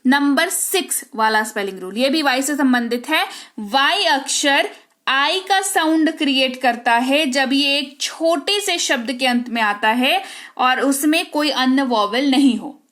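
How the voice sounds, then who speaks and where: High-voiced woman teaching spelling rules. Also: measured pace, fairly bright tone. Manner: explains step by step, spells words out letter by letter; checks in often with rhetorical questions. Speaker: English teacher. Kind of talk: spoken English lesson in Hindi.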